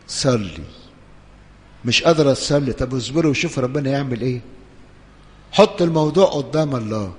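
A man with an Egyptian Arabic accent preaching a sermon as a priest, swinging between hushed urging and loud, impassioned pleading. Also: a little high, big-room sound.

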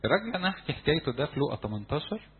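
An Egyptian man delivers a sermon in a church, rushing through his words and acting out the voices of a crowd. His voice is heavily husky and raspy. The recording is thin and phone-like. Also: fairly high pitch. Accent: Egyptian Arabic. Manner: animated, acts out crowd voices, shouts for emphasis. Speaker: preacher. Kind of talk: sermon to young people.

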